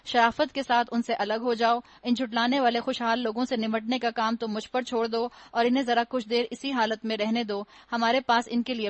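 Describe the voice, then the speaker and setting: A woman's voice: a little high, dry recording. A woman giving a religious lecture, explaining patiently, using rhetorical questions and wry humor, and slipping English words into her talk. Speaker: Quran teacher.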